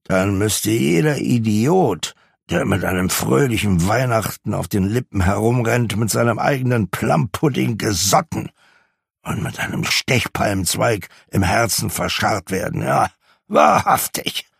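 A man's voice: medium pitch, big pitch swings, takes it slowly, gravelly, slightly rough, no echo, studio quality, pitched above the performer's own voice, exaggerated voice. A man voicing a grumpy, miserly old man who snarls out scornful outbursts. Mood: ranting.

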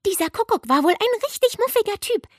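A woman voicing a lively, slightly smug schoolgirl who tells her friends things eagerly. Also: very high voice, fairly quick, dry recording, clean studio sound, voice pushed up. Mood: conspiratorial. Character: lively know-it-all schoolgirl.

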